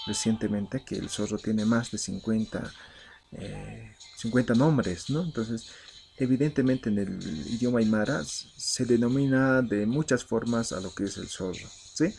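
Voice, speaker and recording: A man teaching a vocabulary lesson, saying each word slowly and with stress, and often ending phrases with a questioning "¿no?". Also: lowish voice, gravelly, a little mellow. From Bolivia. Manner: slow, deliberate, stretches out and stresses the native words. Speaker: language teacher. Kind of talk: vocabulary lesson with pronunciation drill.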